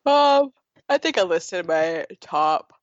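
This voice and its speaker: A woman's voice: on the low side, animated, slow, dry recording. Chatty woman, dry dull recording. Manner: chatty, laughs often, trails off mid-sentence. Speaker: podcast co-host. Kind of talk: casual chat.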